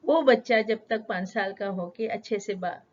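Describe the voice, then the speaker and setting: A middle-aged woman teaching spoken English, explaining patiently with everyday examples and slowing down on English sentences. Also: medium pitch, a little hiss or hum. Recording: dull lo-fi sound.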